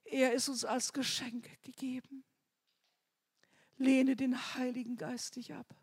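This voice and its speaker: Woman, preacher, sermon, husky, slow, fervent. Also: high-pitched, little pitch movement. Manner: fervent, swings from soft near-whispers to loud cries.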